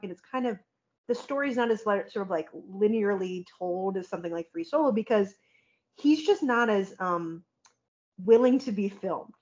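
A woman's voice: a little high, highs cut off. A woman guest on a podcast, chatting casually and rambling with many fillers and frequent laughs. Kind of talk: casual chat.

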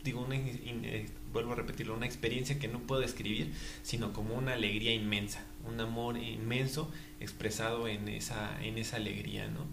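A young man, chatting as a guest in an interview, halting with many fillers and breaking into laughs. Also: mid-range voice, level tone, gravelly, roomy sound, background noise. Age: young adult. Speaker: guest, new father. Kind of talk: casual interview chat.

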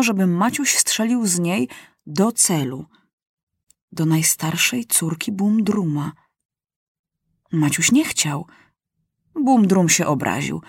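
A woman narrates a children's story in a measured, expressive way. Her mid-pitched voice is slightly husky. It is recorded close and dry, with no room sound. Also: no room sound. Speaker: audiobook reader. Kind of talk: scripted narration of a children's book.

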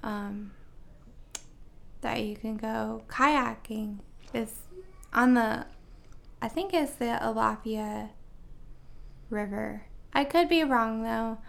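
A woman's voice: a little high, takes it slowly, gravelly, pauses often. A woman joining her husband's podcast as a guest, chatting casually in a hesitant way with lots of fillers. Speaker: guest, host's wife. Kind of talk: casual chat.

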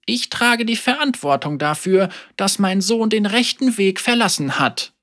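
An elderly woman, teacher and mother, speaks with calm, dry wit and gentle teasing, voiced by a storybook narrator. Her voice sits high and lilting and moves with lively melody. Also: unhurried.

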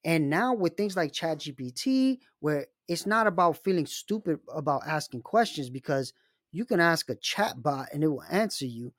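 A man's voice: on the high side, animated, normal speed, fairly bright tone, no echo, studio quality. A man hosting a casual personal finance talk, speaking emphatically and turning to the listener with frequent asides. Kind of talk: casual monologue with storytelling.

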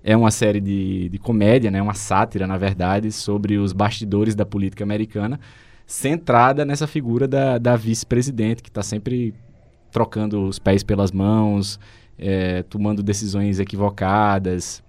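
A Brazilian man with a Brazilian Portuguese accent talks in a low, steady register. He recommends a show in relaxed chat, stumbling and restarting often as he picks his words. The sound is close and dry, with almost no room. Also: moderate pace, no echo. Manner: hesitant, frequent restarts and fillers. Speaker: show co-host recommending series. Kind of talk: casual chat.

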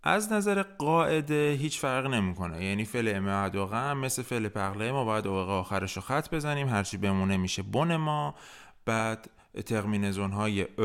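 Low-voiced man teaching French pronunciation. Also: clean tone. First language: Persian. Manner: patient, explains step by step and models pronunciation for repetition. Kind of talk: podcast language lesson.

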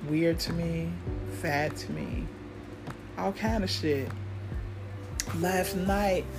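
A middle-aged American woman giving a casual, rambling solo podcast monologue in a blunt, cynical, freely swearing manner. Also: lowish voice. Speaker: podcast host.

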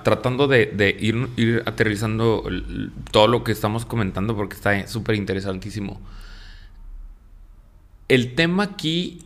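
An interviewer in a conversational interview who offers frequent short acknowledgments and speaks in a measured way. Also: medium pitch.

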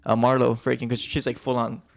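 A man's voice: medium pitch, little pitch movement, fast, gravelly. A man co-hosting a casual podcast chat, telling rambling stories with a light tinge, swearing and laughing often as he acts out what people said. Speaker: podcast co-host.

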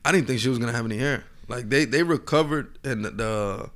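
A man's voice: mid-range voice, brisk, fairly bright tone. Slangy frat-bro man bantering on a podcast. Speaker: podcast co-host. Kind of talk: casual banter.

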